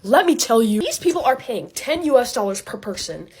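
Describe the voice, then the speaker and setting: A young American woman telling personal stories as a casual comedic rant, exaggerated and animated, acting out what people said. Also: on the high side, a little fast, slight background noise. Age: teens to young adult. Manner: animated, exaggerated, acts out quotes. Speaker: social media creator telling personal rants.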